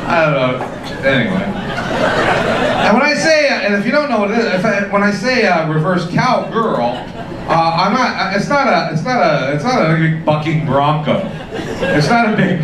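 A man's voice: sits high, big pitch swings, normal speed. A middle-aged man doing a stand-up set, telling self-mocking stories with false starts and restarts. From Canada. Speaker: stand-up comedian. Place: comedy club stage. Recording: echoey club recording from far off with loud audience noise. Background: audience laughter.

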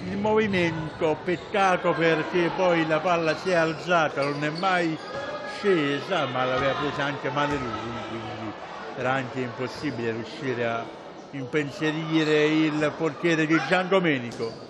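A man giving live handball commentary, pausing as he searches for names and words. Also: on the high side. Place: indoor sports hall, at courtside. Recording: loud sports hall noise, bouncing balls. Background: loud gym ambience and ball bounces.

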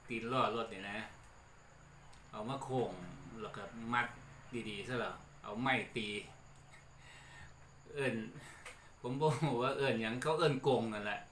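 Isan-accented guy explaining old words, bright voice, echoey room, bit of hiss. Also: on the low side, measured pace, long pauses. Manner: chatty, relaxed, laughs between points. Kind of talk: casual explanatory talk. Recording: echoey room with faint background noise.

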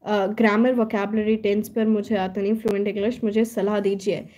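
Young Indian-accented woman, live Q&A host, relaxed unhurried delivery, Hindi-English mix. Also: medium pitch. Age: young adult. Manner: mixes Hindi and English, switching mid-sentence. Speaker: young motivational speaker answering live comments. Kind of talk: casual live Q&A, reading out viewer comments.

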